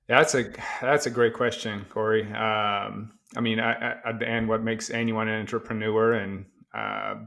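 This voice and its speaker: Flat-toned man, relaxed and hesitant. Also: lowish voice, moderate pace, creaky, few pauses. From Poland. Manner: relaxed, hesitant with many fillers. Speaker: guest, tech company founder. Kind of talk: casual interview conversation.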